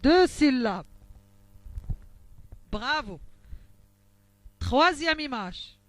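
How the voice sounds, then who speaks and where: Female teacher voice, high and clearly enunciated, dry close recording, for early reading lessons. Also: animated, dry recording. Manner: slow, carefully articulated, syllable by syllable. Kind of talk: slow phonics lesson for young children.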